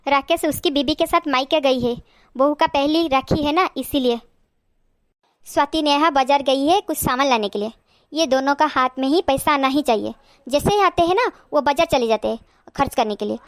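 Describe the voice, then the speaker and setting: A woman's voice: high voice, moderate pace, no room sound, studio quality. A woman voicing a blunt, stingy middle-aged aunt who talks in a scolding, dismissive way.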